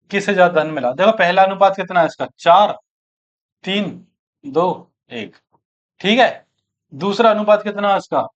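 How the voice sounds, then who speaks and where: A man's voice: high-pitched, dull audio. A man teaching an exam-prep maths lesson, working through sums aloud and asking and answering his own questions. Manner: addresses students as friends and brothers.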